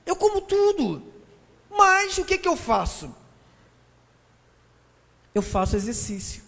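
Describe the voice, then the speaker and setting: A man with a Brazilian Portuguese accent, preaching a sermon as pastor in a lively, joking way and calling the listeners brothers. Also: very high voice, takes it slowly, vocal fry, big-room sound.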